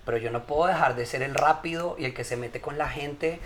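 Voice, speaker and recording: Male comedian, podcast guest, fairly high pitch, emphatic talker, lecturing tone. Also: fairly quick, fairly bright tone, a little hiss or hum. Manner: emphatic, lecturing, tells jokes. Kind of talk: casual podcast chat.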